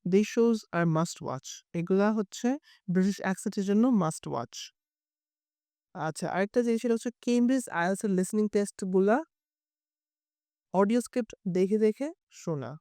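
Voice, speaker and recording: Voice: mid-range voice, normal speed, warm tone, clear, resonant tone, no room sound, clean studio sound. An IELTS teacher with a Bengali accent gives a bilingual lesson, explaining carefully and repeating example words to demonstrate them.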